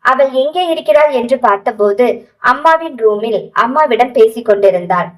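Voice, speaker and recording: A woman reading a romantic audio novel aloud as narrator, in a steady, even storytelling manner. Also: fairly high pitch, normal speed, distant mic, poor audio.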